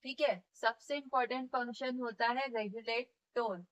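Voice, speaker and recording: A woman with a fairly high voice teaches physiotherapy the way she would in a classroom. She explains each point patiently, one step at a time, and keeps checking in with her students. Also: fairly even intonation, normal speed, dull audio. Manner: demonstrates movements while teaching. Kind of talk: classroom lecture.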